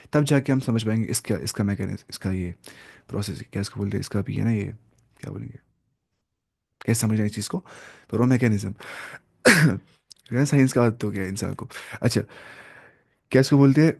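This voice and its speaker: A man's voice: mid-range voice, gravelly, pauses often, a little mellow. Man teaching with constant questions. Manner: repetitive question-and-answer teaching, mixes English terms. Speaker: Arabic teacher. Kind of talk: classroom lecture.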